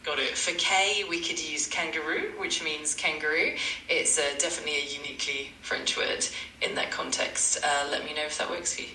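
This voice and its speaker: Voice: mid-range voice, steady tone, brisk, pushed and bright, roomy sound, distant mic, slight background noise, low-quality recording. A synthetic AI language tutor voice, polite and eager to please, repeating stock phrases. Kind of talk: chatbot tutoring replies.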